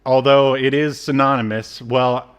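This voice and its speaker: A podcast co-host with a smooth, steady, mid-range male voice speaks at a measured pace. He jokes and rambles through his notes in casual banter, at one point reading off the credits.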